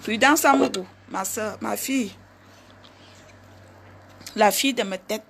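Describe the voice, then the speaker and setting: A middle-aged woman with a Cameroonian accent, chatting live with her viewers, handing out advice in an animated, chatty way. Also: mid-range voice, a little slow, creaky, a little hiss or hum. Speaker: vlogger. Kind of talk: casual live chat with viewers.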